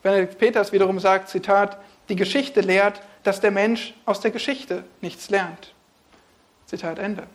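A man preaching a sermon on a Bible passage, swinging between hushed, quiet phrases and emphatic, raised ones. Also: sits high, steady tone, a little slow.

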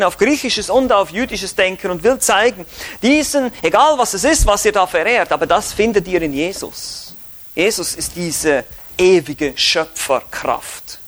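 High-voiced Swiss German preacher. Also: male voice, a bit bright. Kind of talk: sermon-style Bible teaching.

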